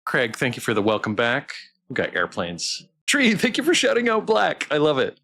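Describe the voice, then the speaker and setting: Playing a visual novel on stream, a tired host chats with his audience in a halting, rambling way, repeating himself and starting over. His mid-range voice is creaky, pushed, and bright, with lively intonation at a moderate pace.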